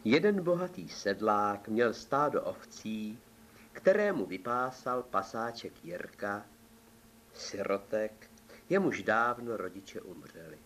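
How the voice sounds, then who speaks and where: A man reads an old fairy tale aloud at a calm, measured pace, his voice sitting on the low side. A faint background hiss runs under the reading. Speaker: storyteller.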